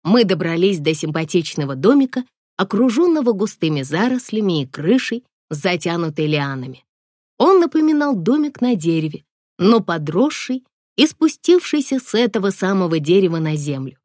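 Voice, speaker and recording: Expressive woman reading an audiobook. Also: on the low side, normal speed, no echo, clean studio sound. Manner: wry, expressive storytelling. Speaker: audiobook narrator. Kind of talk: first-person audiobook narration.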